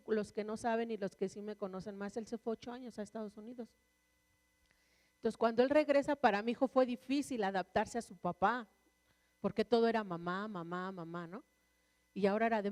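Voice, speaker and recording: Casting: woman preacher, earnest testimony, warm mellow tone, echoing hall. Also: fairly high pitch. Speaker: church speaker. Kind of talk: sermon with personal testimony. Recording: long reverb of a large hall.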